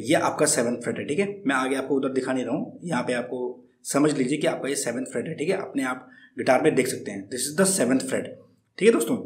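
A man giving a casual guitar lesson, friendly and patient, counting strums aloud and checking in with his viewers after nearly every step. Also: medium pitch. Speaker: guitar teacher. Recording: roomy, guitar playing along.

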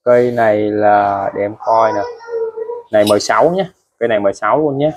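The recording is muffled with slight background noise as a man with a fairly low voice talks fairly quickly through used tools for sale. This casual product showcase finds him chatty and repetitive, restating prices repeatedly and tacking friendly particles onto his phrases.

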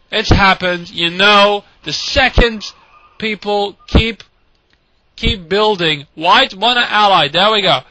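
Sitting high in pitch, a man casually commentates a strategy game replay. He's excitable and sarcastic, mocking the players and swearing.

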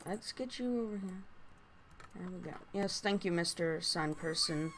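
A woman giving casual, rambling gameplay commentary through a voice changer, halting and prone to excited exclamations. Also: medium pitch, slight background noise. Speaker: gaming video host.

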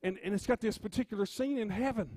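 A man preaching an impromptu sermon, swinging from hushed storytelling to rising shouts and repeating his words. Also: high voice, quick pace, no room sound, clean studio sound. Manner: rhythmic preaching with "uh" before phrases.

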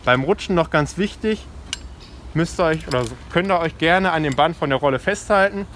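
A man's voice: a little high, normal speed, fairly bright tone. Young man instructing over outdoor noise. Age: 20s. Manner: informal, explanatory. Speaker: climbing park safety instructor. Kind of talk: spoken safety briefing with demonstration. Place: outdoors in a forest ropes course. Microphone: camera mic a few steps away. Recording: clear outdoor noise, passing vehicles, clinking gear.

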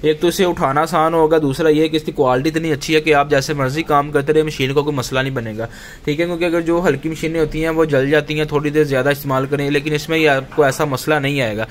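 A man's voice: a little high, steady tone, quick pace, slight background noise. A male shopkeeper giving a casual spoken product demo, often adding a filler of agreement, recorded indoors in a workshop. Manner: conversational, repeats "theek hai" as a filler. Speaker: shopkeeper reviewing machines. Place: workshop or tool shop, indoors.

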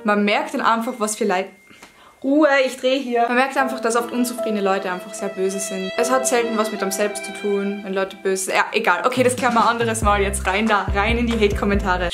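A young woman with an Austrian accent talks rapidly to the camera in a chatty, frank, self-mocking vlog. Her voice sits a little high. Clear background music runs under her talk. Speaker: vlogger. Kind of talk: casual vlog chat. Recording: music behind voice.

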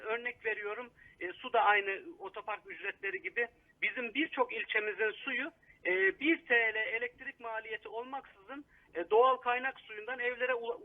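A city council member speaking over the phone in a live interview, critical and hesitant with frequent fillers. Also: male voice, high-pitched. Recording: tinny phone line.

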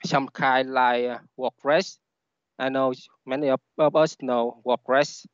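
A man with a Vietnamese accent, a native Vietnamese speaker, giving a halting technical presentation over a headset on an online call. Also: medium pitch, steady tone, clean tone, dry recording. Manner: halting, with repeated words. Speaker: conference speaker, software engineer. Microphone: headset on a video call. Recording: dull, lo-fi online call audio.

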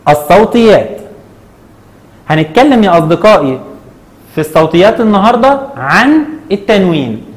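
A man with an Egyptian accent teaching a children's lesson. He patiently asks questions and answers them himself, stretching words out slowly. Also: high voice, very animated. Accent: Egyptian Arabic. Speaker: primary school Arabic teacher.

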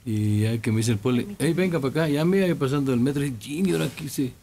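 A man's voice: mid-range voice, quick pace, gravelly, a little hiss or hum. A man with a Mexican Spanish accent, co-hosting a radio show and telling a jokey anecdote. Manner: jokey, animated retelling. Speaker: radio co-host. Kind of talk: casual radio chat, storytelling.

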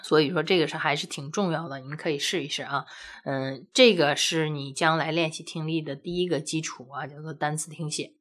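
A woman with a low-pitched voice gives a recorded language lesson. She explains patiently, step by step, and keeps checking in with rhetorical questions. Now and then she slowly sounds out practice syllables for her students. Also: steady tone, fairly bright tone. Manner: drills syllables aloud slowly. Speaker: language teacher.

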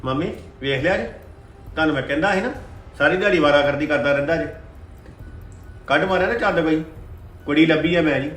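A man's voice: a little high, fairly quick, long pauses, a bit bright, slight background noise, lightly acted. A man playing a stern elder brother, scolding his younger sibling in an exasperated way. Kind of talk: scripted web drama acting.

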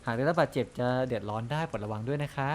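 A man voicing a calm, polite invisible woman who works as a bar clerk in a game, speaking softly and courteously. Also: mid-range voice, rapid-fire, a little hiss or hum, lightly acted.

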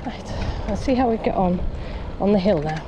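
A woman's voice: medium pitch, lively intonation, moderate pace, dull audio. A woman cycling on country roads who chats casually to an action camera on her bike and is breathing hard from the climb. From Wales. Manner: chatty, self-commenting, laughs at herself. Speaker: cycling vlogger. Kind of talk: casual talk while riding. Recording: outdoor camera with wind and road noise. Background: passing traffic and wind.

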